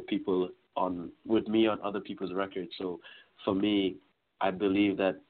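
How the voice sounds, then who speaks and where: A young man in his twenties from Trinidad and Tobago, talking casually as a musician guest in an interview, relaxed and rambling. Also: low voice. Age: 20s. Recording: tinny phone-like line.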